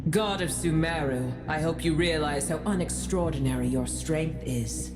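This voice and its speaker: An actress playing a proud, scornful ancient female dragon who speaks slowly and with contempt, in a game. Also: sits low, lightly acted. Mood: disdainful. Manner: haughty, contemptuous, slow and deliberate. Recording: roomy echo over game music.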